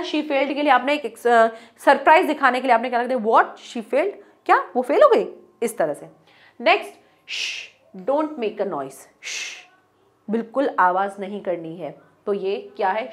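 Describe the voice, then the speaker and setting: A woman teaching a grammar lesson, acting out example exclamations with lively changes of tone. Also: on the high side. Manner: acts out example exclamations with varied tone.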